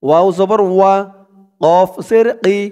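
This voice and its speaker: A man's voice: high-pitched, mellow, clean tone. A Bangladeshi-accented man teaching a prayer by spelling it out letter by letter and drawing out the recited words. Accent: Bangladeshi Bengali. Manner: drawn-out chanted recitation between quick explanations. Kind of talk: slow spelled-out recitation lesson.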